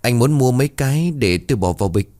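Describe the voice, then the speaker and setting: A man's voice: mid-range voice, expressive, fast talker, mellow, pitched above the performer's own voice, lightly acted. A man voicing a young, upright village woman in a storybook tale. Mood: firm.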